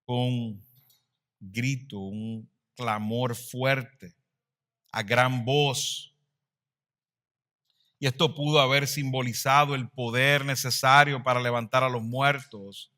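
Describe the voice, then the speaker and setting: Male pastor mid-sermon; bright, pointed delivery, dynamic swells and quiet drops. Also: medium pitch, fairly even intonation, takes it slowly, long pauses. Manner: dynamic preaching, swells louder then drops to a hush.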